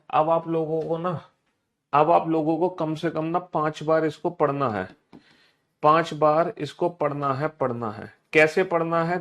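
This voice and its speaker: A man's voice: fairly high pitch, lo-fi sound. A man teaching a live online class, repeating his instructions over and over and leading students in call-and-response drills. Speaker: online exam coaching teacher.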